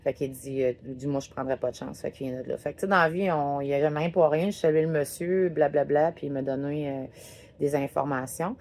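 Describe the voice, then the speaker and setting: A woman's voice: deep voice, steady tone, fairly quick, darkish tone. A woman with a Québécois French accent giving a chatty, rambling recap of her day of RV travel. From Quebec, Canada. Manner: rambling and chatty, with many filler words. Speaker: RV travel vlogger. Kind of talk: casual travel vlog recap. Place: parked RV in a parking lot.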